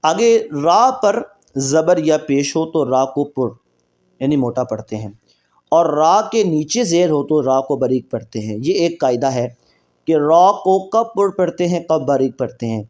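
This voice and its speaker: A man with a Pakistani Urdu accent teaching Quran reading, explaining the rules quickly and then drawing out each letter slowly for practice. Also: on the high side, animated, a little mellow. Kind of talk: recorded reading lesson.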